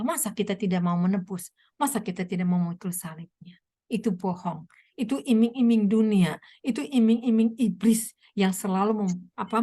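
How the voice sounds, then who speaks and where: Woman preacher, hoarse, lively sermon voice, fairly high, keeps asking the crowd questions. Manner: animated storytelling, frequent rhetorical questions. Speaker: evangelist preacher. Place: online meeting.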